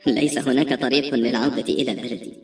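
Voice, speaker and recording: A woman's voice: extremely low pitch, quick pace, mellow, roomy sound, voice pushed down. A woman reading the lines of a wary grown man with a dry, mocking manner, heard from a distance with faint music. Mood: sardonic.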